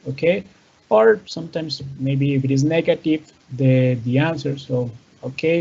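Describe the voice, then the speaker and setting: Male teacher, fairly high, husky voice; explains step by step with fillers; dull lo-fi recording. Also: warm tone. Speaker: English teacher. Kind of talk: bilingual online class.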